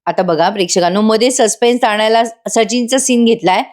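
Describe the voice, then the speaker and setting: A woman's voice: a little high, fairly quick, a little mellow. A woman gives a chatty voice-over recap of a serial episode. She addresses the viewers directly and walks them through each scene. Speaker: serial review narrator.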